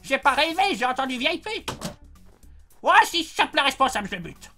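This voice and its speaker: A man voicing a cranky elderly woman who plays video games, prim in manner but quick to swear. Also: very high-pitched, very animated, bright, forceful tone, faint music behind, exaggerated voice. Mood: indignant. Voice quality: prim old-lady voice turning crude. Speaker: parody youtuber. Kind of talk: comedic gameplay commentary.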